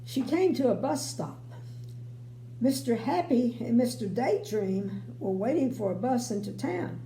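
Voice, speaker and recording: An older woman reads a bedtime story in a slow, mellow voice. She adds folksy, chatty asides as she goes. The room sounds echoey, with a faint hum. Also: on the high side, expressive. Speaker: grandmother reading bedtime stories. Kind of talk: read-aloud storytelling with casual chatty asides. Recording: roomy home recording, faint hum.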